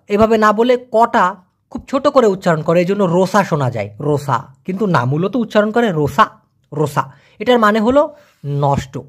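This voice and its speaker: A language teacher from Bangladesh giving an online lesson, patiently repeating phrases slowly and encouraging learners along the way. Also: medium pitch.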